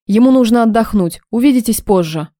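A woman's voice: on the high side, a little fast, warm tone, no room sound, studio quality, lightly acted. A woman reading the lines of a cold, curt, commanding man in an audiobook.

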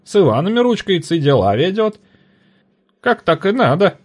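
A man's voice: high-pitched, very animated, moderate pace, breathy edge, voice pushed up, heavily acted. A man voicing a gossiping female market trader with a wailing tone in an audiobook. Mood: excited gossip. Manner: wailing, hysterical.

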